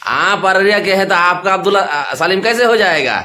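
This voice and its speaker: A man's voice: high-pitched, lively intonation, normal speed, pushed and bright. A man reporting on the street, asking villagers pointed, leading questions about their candidate. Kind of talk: vox-pop interview.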